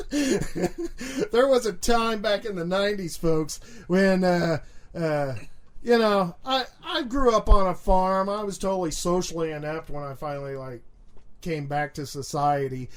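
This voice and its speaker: Man, high voice, slow delivery, crude laughing storyteller, casual podcast banter. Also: expressive. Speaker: podcast co-host.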